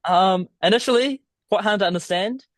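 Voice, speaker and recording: In clean studio sound without echo, a high-pitched young man speaks at normal speed as a podcast guest. Originally from a small southern New Zealand town and now studying overseas, he talks in a broad accent, casually and a little hesitantly.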